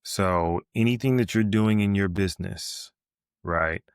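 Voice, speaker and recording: A man's voice: low-pitched, unhurried, clear, resonant tone, no echo, clean studio sound. A man speaking as a business coach guest on a podcast, explaining step by step and checking in with "right?" as he goes, with many fillers. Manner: explanatory, ends points with "right?"; frequent fillers and restarts. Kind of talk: podcast interview.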